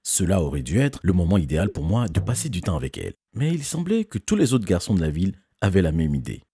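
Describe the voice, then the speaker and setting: Deep, lively man narrating an animated story. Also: fast talker, slightly rough, dry recording, clean studio sound. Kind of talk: scripted first-person narration for an animated story.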